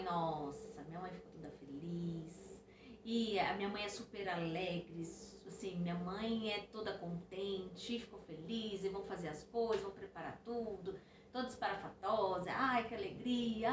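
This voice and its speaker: A woman's voice: medium pitch, normal speed, dull audio. A woman casually telling her side of a personal story, chatty and easily amused. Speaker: co-host, wife. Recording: roomy, distant from mic, faint hiss.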